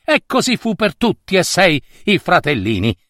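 A man narrating a fairy tale with an animated, expressive reading. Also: high voice, normal speed, no room sound, studio quality. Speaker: storyteller.

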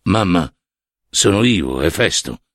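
A man voicing a shy, lame blacksmith god who speaks low and hesitantly to his mother. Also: lively intonation, slow, a bit bright, no echo, clean studio sound, heavily acted. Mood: subdued.

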